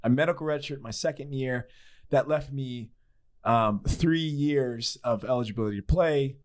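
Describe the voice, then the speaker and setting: A man in his thirties as a podcast guest, hoarse and groggy from a recent sickness, explaining things in a relaxed way with many fillers. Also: medium pitch, moderate pace. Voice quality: groggy, gravelly. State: hoarse, getting over sickness. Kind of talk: interview conversation. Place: studio.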